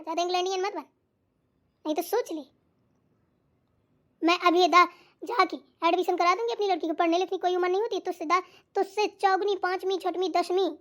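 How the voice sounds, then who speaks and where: A woman voicing a bossy, sharp-tongued mother-in-law in a cartoon, scolding and taunting with old sayings. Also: extremely high pitch. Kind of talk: cartoon voice acting.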